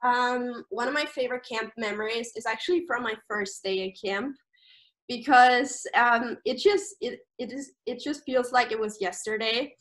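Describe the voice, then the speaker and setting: Speaking at a moderate pace, a young Austrian camp staff member with an Austrian German accent describes camp in a relaxed video-call interview. Her voice sits a little high with a fairly bright tone, and she often restarts and uses fillers.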